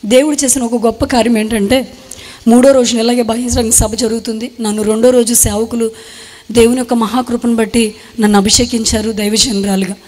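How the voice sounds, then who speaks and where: Young woman, kinda high voice, earnest halting testimony, long echo like a big hall. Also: fairly even intonation, darkish tone. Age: young adult. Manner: earnest, halting retelling in short phrases. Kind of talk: emotional spoken testimony.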